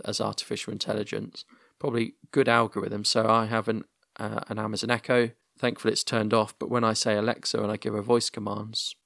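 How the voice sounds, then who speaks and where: Gravelly-voiced man hosting a chat. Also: fairly low pitch, fairly bright tone, dry recording, studio quality. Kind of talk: casual podcast chat.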